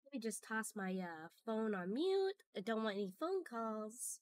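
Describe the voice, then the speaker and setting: A woman streamer, hoarse from a cold, chatting casually with her viewers and greeting them by name. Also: a little high, animated, unhurried, no echo.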